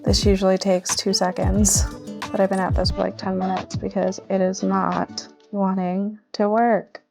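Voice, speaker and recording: A woman's voice: medium pitch, flat delivery, moderate pace, gravelly, music in the background. A woman who is an artist and small business owner, talking casually through her studio work in a chatty, self-deprecating way with frequent laughs. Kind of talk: casual studio vlog narration. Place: home art studio.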